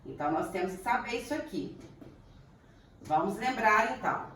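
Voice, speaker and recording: A Brazilian woman with a Brazilian Portuguese accent teaches a primary school grammar lesson, speaking slowly and deliberately and stretching out words to sound their syllables. Her mid-range voice is expressive and a bit bright, heard from a distance in a very echoey room with faint ambient noise.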